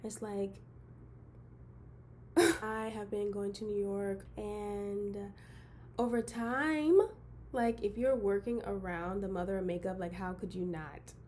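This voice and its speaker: A young woman from Detroit, a model turned beauty vlogger, introducing herself in a bubbly, excitable way with giggly bursts. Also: mid-range voice, takes it slowly, long pauses, slight background noise. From Detroit, Michigan. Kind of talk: casual intro vlog.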